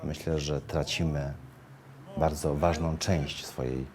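A man speaking calmly and reflectively in a documentary interview. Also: a bass voice, slow pace, a crowd in the background.

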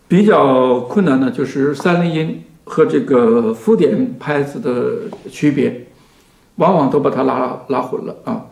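A man teaching violin, speaking slowly and patiently to a student, his sentences trailing off softly. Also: medium pitch, gravelly. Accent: Mandarin Chinese. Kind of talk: explaining to a student in a lesson. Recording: echoey room with violin playing.

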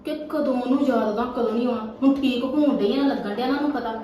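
A woman's voice: fairly high pitch, quick pace, distant mic, natural voice. A woman playing an irritable wife in a family drama, grumbling and scolding about household money. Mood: annoyed. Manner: scolding, sharp-tongued, grumbling. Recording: echoey room, voice off-mic, faint noise.

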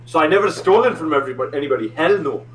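A young man from India on a video call, trolling a dating-show date with deadpan, halting talk full of repeated words. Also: fairly high pitch, recorded from a distance. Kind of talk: joking video-call banter. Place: small room at home. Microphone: headset on video call. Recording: noisy video call line.

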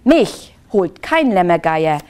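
A woman voicing a stubborn little girl who goes red with anger in a children's story reading, with defiant, shrill insistence. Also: very animated, slow, darkish tone, clear, resonant tone.

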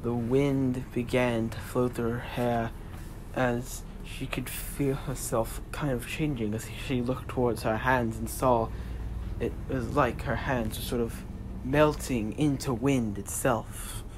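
A man's voice: medium pitch, steady tone, slow. A man narrating a homemade fantasy adventure story as its storyteller. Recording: noisy homemade recording.

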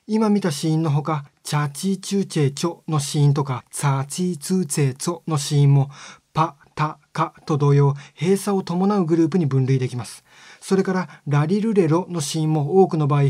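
A man narrating a lesson in a calm, polite, step-by-step manner. His voice sits a little high for a man. It is recorded close and dry, with no room sound. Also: no echo. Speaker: phonetics teacher. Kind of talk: scripted explanatory narration.

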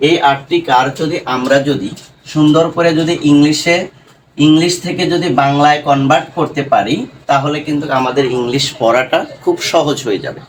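A man's voice: fairly high pitch, moderate pace, distant mic, slight background noise, poor audio. A man teaching a classroom lesson on English reading, asking questions and then answering them, often adding "right?". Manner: addresses viewers as students.

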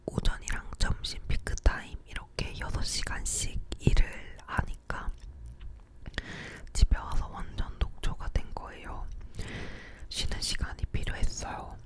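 A young woman leans right in to the mic and whispers an ASMR chat at home. Her delivery is very slow and soft, fully breathed with no voice behind it. It feels like an intimate ear-to-ear murmur about everyday life. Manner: leaning in close to whisper into the mic. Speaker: ASMR video creator. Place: living room at home. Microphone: close to the mouth, ear-to-ear.

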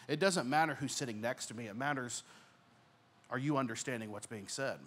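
Holding a mic on a church stage, a young male pastor delivers an earnest sermon at a medium pitch and slightly fast pace, with a little hiss or hum in the audio. His volume climbs on the main points and falls soft as phrases end.

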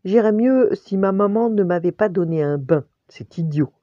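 A woman's voice: mid-range voice, lively intonation, moderate pace, mellow, no echo, highs cut off, pitched above the performer's own voice, lightly acted. A grandmother voicing a cheeky little boy rabbit. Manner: blunt, stammering apology.

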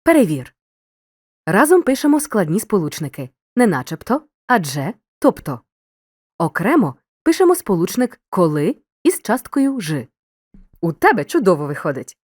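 A woman narrating a scripted grammar lesson as a teacher, giving clear instructions and speaking straight to the learner. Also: medium pitch, big pitch swings, normal speed, darkish tone, no echo, clean studio sound. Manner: clear didactic instruction, addresses the learner directly.

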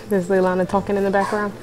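A woman's voice: mid-range voice, little pitch movement, a little fast. A woman playing a video game at home, chatting casually to herself while she has the hiccups. She laughs a lot and swears freely. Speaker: let's play gamer. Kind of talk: casual gameplay commentary. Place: at home with others nearby. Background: faint game music.

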